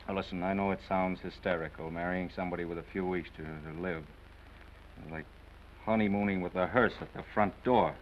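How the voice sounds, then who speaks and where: Guy as a brash slangy reporter in old screwball movie, lowish voice, dull hissy soundtrack. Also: natural voice. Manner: slangy, fast-witted patter. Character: brash wisecracking newspaper reporter, smitten American man. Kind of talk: 1930s screwball film acting. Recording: muffled, hissy 1930s film soundtrack.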